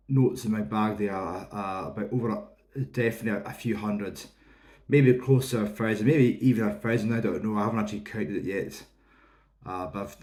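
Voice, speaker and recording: This man's voice is fairly low and a little mellow. In his thirties and from the Isle of Lewis in the Outer Hebrides, he has a Hebridean Scottish accent and reviews whisky to camera in a loose, rambling, explanatory way.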